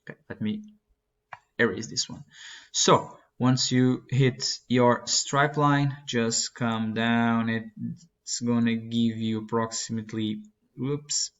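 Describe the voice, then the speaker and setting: A young man explains a flight-prep chart in a lesson, his voice flat and unvarying. He halts often, filling gaps and correcting himself as he goes. The recording is dull and lo-fi, captured on a desk mic at a computer. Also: mid-range voice. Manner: halting, many fillers and self-corrections. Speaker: flight instructor. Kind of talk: screen-recorded lesson walkthrough. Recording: dull lo-fi sound.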